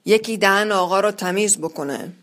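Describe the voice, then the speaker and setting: A bitter, defiant wheelchair user who mocks every hopeful word, read aloud by a storyteller. He shouts his taunts with scorn and a dark, gloomy edge. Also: medium pitch, close to an everyday voice. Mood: mocking.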